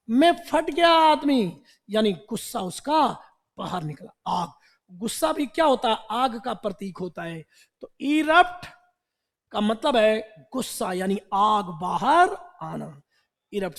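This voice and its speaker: A man teaching an online vocabulary lesson in Hindi, explaining word roots with animated repetition and rhetorical questions. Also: very high-pitched. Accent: Indian Hindi.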